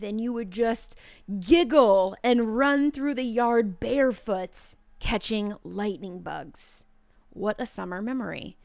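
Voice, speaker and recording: A woman's voice: on the high side, no echo, clean studio sound. A woman with a Midwestern American accent hosting a podcast monologue, enthusiastic and heartfelt. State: emotional, near tears. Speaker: podcast host.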